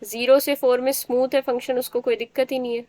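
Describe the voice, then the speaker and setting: A woman's voice: high-pitched, level tone, quick pace, dark tone. A woman teacher giving a math lecture, explaining step by step and often checking that the students understand.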